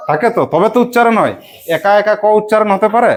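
A woman with a mid-range voice and lively intonation teaches spelling to young pupils. She uses call-and-response drilling and regularly asks the kids quick check questions.

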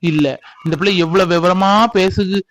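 A man's voice: sits high, steady tone, moderate pace, lightly acted. A man playing a stubborn grumbling father. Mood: stern. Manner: blunt, grumbling. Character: stubborn middle-aged father, bitter and dismissive. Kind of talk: family drama skit.

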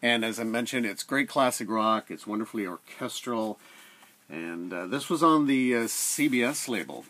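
A man's voice: medium pitch, animated, normal speed, fairly bright tone. A middle-aged man talking casually about records at home, rambling with many fillers, close to the camera. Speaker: record collector vlogger. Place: home room with shelves of records. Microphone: camera at close range.

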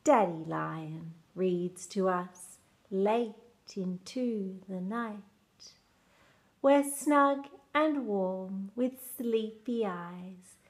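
With a mid-range voice, a woman reads a children's picture book aloud in a measured, expressive storytelling manner.

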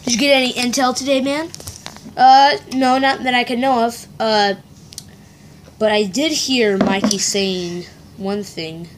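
A woman's voice: on the high side, unhurried. Female voice acting out toy scenes. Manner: voices every figure and whispers prompts to a partner. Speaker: toy play narrator. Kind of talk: improvised toy-figure play. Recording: steady background hiss.

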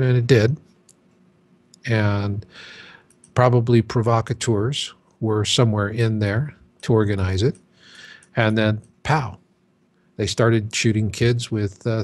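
Emphatic older man giving an interview. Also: mid-range voice. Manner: emphatic, acts out chanting crowds in quotes. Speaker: interview guest. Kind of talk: casual interview talk.

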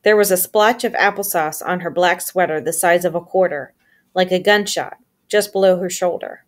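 Low-voiced woman reading a novel aloud. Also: normal speed. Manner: steady storytelling with character voices. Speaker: audiobook reader.

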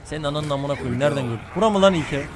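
A man's voice: on the high side, lively intonation, very fast. A young man streaming a horror game, talking frantically and swearing constantly at enemies. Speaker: gaming streamer. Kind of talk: let's play commentary. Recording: game music loud behind voice.

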